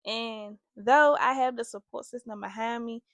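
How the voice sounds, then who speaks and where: A woman's voice: fairly high pitch, moderate pace, fairly bright tone, slight background noise. A young woman hosting a candid, confessional vlog, talking earnestly and emotionally straight to her viewers. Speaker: host.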